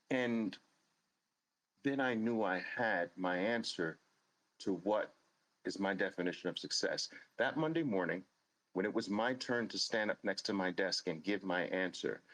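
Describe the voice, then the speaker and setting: A man's voice: fairly low pitch, fairly bright tone, rough recording. A man in his late fifties, hosting a show and telling a personal story in an earnest, emphatic way, repeating phrases for stress. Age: 50s. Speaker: host.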